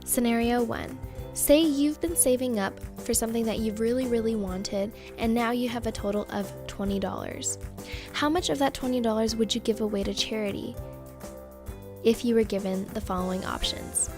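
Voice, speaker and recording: A woman with a fairly high voice reads scripted scenarios in a clear, measured way. Music plays behind her. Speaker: reader of survey scenarios. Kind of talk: scripted reading. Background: background music.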